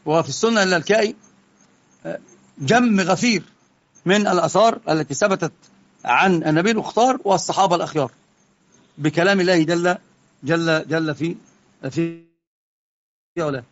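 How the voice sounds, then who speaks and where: A man with an Egyptian Arabic accent giving a religious lesson, moving between calm explanation and heated rebuke. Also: a little high, normal speed, pauses often, dull audio. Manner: impassioned, swings from quiet explaining to heated rebuke. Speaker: religious teacher.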